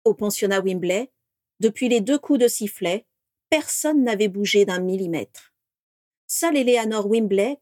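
A woman narrating a fantasy story in a steady, expressive reading voice. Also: mid-range voice, no echo, studio quality. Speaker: audiobook narrator. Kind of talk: scripted narration.

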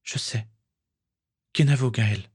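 A man playing a tough pirate woman, fierce and curt, her voice lifted a little above his own and husky. A storybook fighter who never backs down. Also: medium pitch, slow, darkish tone, pitched above the performer's own voice. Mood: dying, soft. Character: defiant wounded female pirate, fierce. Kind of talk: audiobook character voice.

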